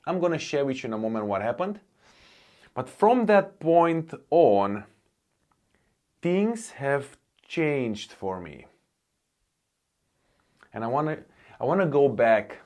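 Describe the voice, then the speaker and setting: Slow, earnest Romanian-accented man. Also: medium pitch, darkish tone. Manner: slow and earnest, with many pauses and restarts. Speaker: faith vlogger. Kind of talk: personal testimony.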